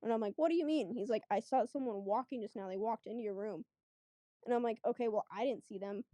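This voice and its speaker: Chatty woman with a dark, mellow voice. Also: a little high, steady tone, quick pace, dry recording. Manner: chatty, lots of fillers, acts out quotes. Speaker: guest. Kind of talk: casual storytelling.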